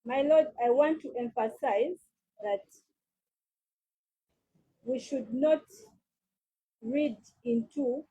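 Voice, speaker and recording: A woman's voice: high voice, slow, pauses often, mellow, slightly rough, poor audio. A woman serving as counsel, politely making her own submission in court with occasional fillers.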